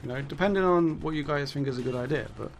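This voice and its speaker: A fast-talking man with a voice on the high side chats as a gaming YouTuber, a little hiss or hum audible. His casual commentary monologue is rambling and full of self-corrections, and he laughs after swearing. He is losing his voice, and it sounds worn and fading.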